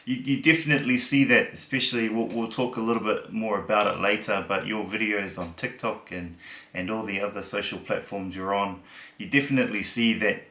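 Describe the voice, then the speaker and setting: A man's voice: on the low side, steady tone, brisk, sharp tone. A man from New Zealand with a New Zealand accent, hosting a podcast and interviewing a guest in a friendly, casual way. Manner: friendly, with short encouraging replies. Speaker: podcast host. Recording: roomy echo.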